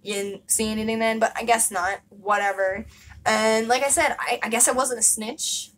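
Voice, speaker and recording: A woman's voice: on the high side, fairly even intonation, moderate pace, fairly bright tone, slight background noise, low-quality recording. Candid young woman vlogging, swearing freely. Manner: candid, emphatic, frequent swearing and fillers. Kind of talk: casual confessional vlog.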